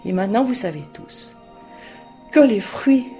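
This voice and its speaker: A woman storyteller telling a fairy tale aloud, expressive and full of rhetorical questions to her listeners. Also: mid-range voice, unhurried, soft background music.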